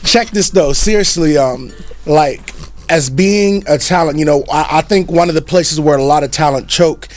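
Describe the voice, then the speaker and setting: A man's voice: fairly high pitch, moderate pace. Emphatic man from the Bahamas. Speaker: talent guest. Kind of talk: casual interview talk.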